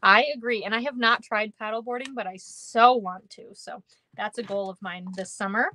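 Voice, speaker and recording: Poor audio with no room sound captures a slightly high, sharp, steady voice at a moderate pace. It belongs to a young Minnesotan woman live-streaming a card-making class from an indoor craft room. She giggles, rambles, and fills her chat with viewers with ums and kindas.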